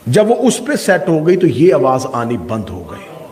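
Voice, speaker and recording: A male Shia cleric giving a majlis sermon, oratorical and full of rhetorical questions, swinging from loud peaks to hushed asides. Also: medium pitch, huge pitch swings. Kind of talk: majlis sermon to a live congregation.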